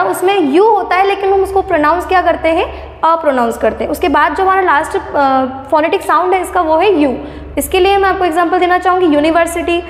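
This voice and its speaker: A woman with a very high voice teaches a language lesson, explaining each point step by step. She keeps asking rhetorical questions as she goes. Her voice rings out with a long reverb in an echoey room. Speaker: English teacher. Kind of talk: classroom lesson on phonetic sounds.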